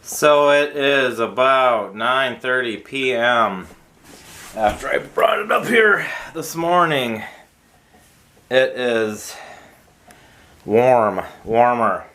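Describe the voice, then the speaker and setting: A man's voice: medium pitch, lively intonation, very slow, pauses often, pushed and bright. A man hosting a casual homebrewing vlog, rambling and thinking aloud with lots of fillers, recorded on a porch. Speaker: homebrewer host.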